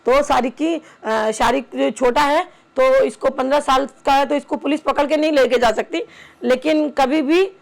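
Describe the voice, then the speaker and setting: A middle-aged woman speaking haltingly, with many pauses, about her family as a mother. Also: high voice, fairly even intonation, vocal fry. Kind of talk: emotional personal testimony.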